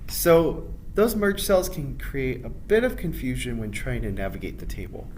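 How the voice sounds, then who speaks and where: A man's voice: mid-range voice, big pitch swings, normal speed, a little mellow, a little hiss or hum. A man giving a methodical, informal screen demonstration tutorial, explaining each step as he goes. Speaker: accessibility instructor.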